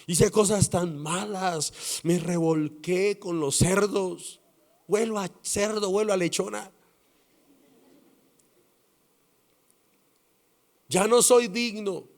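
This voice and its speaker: A remorseful young man with a Colombian accent begs his father for forgiveness, his voice dropping to a hush. A preacher acts him out, high and slow, drawing each plea out. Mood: pleading.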